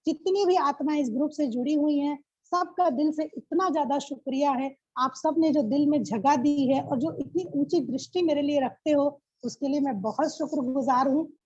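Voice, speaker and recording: High-voiced woman telling a spiritual story. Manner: animated, emotive storyteller. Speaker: member sharing a spiritual experience. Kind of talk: personal testimony. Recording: muffled lo-fi recording.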